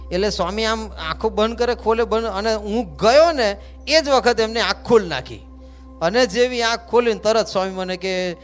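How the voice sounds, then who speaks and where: A high-pitched man tells a devotional story as a monk. He keeps it humorous and lively and voices the other people in the tale himself. Soft music plays quietly underneath. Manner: humorous, lively anecdote with quoted dialogue.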